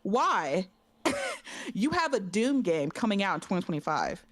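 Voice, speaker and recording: A woman hosting a casual gaming podcast, ranting in an animated, exasperated way with stammered, repeated phrases. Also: mid-range voice, a little slow, dry recording. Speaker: podcast host.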